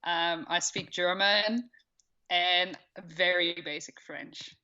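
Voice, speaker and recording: A woman's voice: lowish voice, takes it slowly, pushed and bright, muffled recording. A woman in her thirties from the Netherlands with a Dutch accent, answering interview questions in a plain, matter-of-fact way. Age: 30s. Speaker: wildlife veterinarian, guest.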